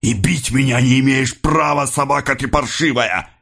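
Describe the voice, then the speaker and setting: A man reading an audiobook voices a stubborn, defiant peasant rebel who shouts heavy, accusing words. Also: mid-range voice, moderate pace, slightly rough, pitched above the performer's own voice.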